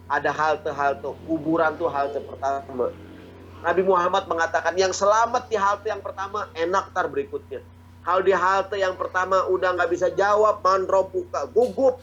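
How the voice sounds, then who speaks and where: A man's voice: high voice, fairly bright tone, dull audio. A man giving a casual online religious talk, joking and often asking his listeners "ya nggak?". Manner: jokey, chatty, often asks "ya nggak?"; acts out quoted dialogue. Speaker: Islamic preacher.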